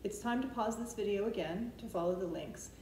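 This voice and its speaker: Speaking a little fast in a dark-toned, mid-range voice, a middle-aged woman hosts a preschool storytime with simple step-by-step prompts, rhymes and counting for small children. The setting is an open living room and kitchen at home, recorded on a camera mic a few feet away, echoey with faint background noise.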